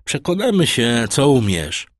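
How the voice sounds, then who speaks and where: A man's voice: medium pitch, huge pitch swings, measured pace, dry recording, clean studio sound, pitched above the performer's own voice. A man voicing a brusque, doubting middle-aged ship's master in an audiobook. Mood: doubtful.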